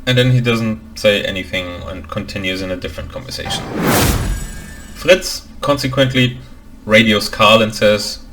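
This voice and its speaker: A man's voice: on the low side, normal speed, music in the background, rough recording. A man from Germany who works as a language expert, giving dry, opinionated commentary in a film reaction video. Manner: dry, opinionated critique with deadpan asides.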